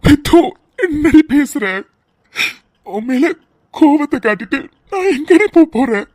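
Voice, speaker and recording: A devoted young husband from a cartoon drama, voiced by a woman, speaks in a fairly high voice, tender and pleading. The sound is close and completely dry, with no room around it. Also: lively intonation, a little slow, darkish tone, no echo. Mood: tearful tender. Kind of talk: tearful cartoon drama voice acting.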